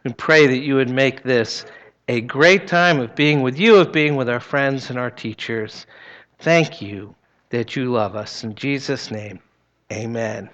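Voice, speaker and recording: A man's voice: medium pitch, measured pace, fairly bright tone, muffled recording. A man leading a simple children's prayer in a sweet, patient Sunday school manner, using short, easy phrases.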